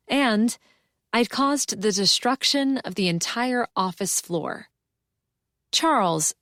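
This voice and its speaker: A woman narrates a cozy mystery audiobook in a mid-pitched voice. She reads scripted first-person prose in an expressive storytelling manner, recorded close and dry with no room sound. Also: no room sound.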